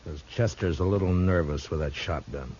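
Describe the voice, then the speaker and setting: Very deep-voiced, steady frontier marshal, acted by a man. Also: moderate pace, lightly acted. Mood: calm authority. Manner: terse, deadpan, quietly defiant. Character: steady, dry, unflinching frontier town marshal. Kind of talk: 1950s radio western acting. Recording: muffled, noisy old radio recording.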